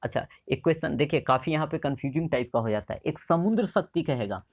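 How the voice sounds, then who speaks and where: A man's voice: fairly high pitch, expressive, fast talker. A young man teaching a current affairs exam lesson, asking a question and answering it himself, repeating key facts as memory tricks.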